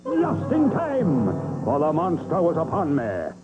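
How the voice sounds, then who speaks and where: Pompous old cartoon commander bragging, lively swoopy voice, kinda high, muffled with loud music. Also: male voice, a little slow. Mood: boastful. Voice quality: pompous, grandly theatrical. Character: boastful old male commander telling tall tales. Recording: dull recording with loud music.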